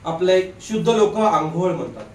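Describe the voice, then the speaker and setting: Lively teacher in an echoey classroom. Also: male voice, high voice, a little slow, distant mic, a little hiss or hum. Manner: lively, quizzes the class and jokes. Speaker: Marathi grammar teacher. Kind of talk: classroom lecture. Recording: echoey classroom recorded from afar.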